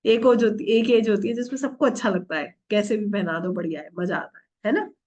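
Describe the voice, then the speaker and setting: A woman's voice: medium pitch, a little fast, darkish tone, muffled recording. A middle-aged woman teaching an online tarot workshop, asking the class questions and answering them herself, with English words mixed into her Hindi. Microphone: video call.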